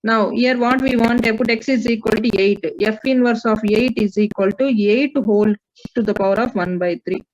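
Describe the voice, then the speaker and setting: A woman's voice: a little high, fairly even intonation, moderate pace, darkish tone. A woman with an Indian accent teaching a maths class, working through problems and prompting students with questions. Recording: dull, lo-fi audio.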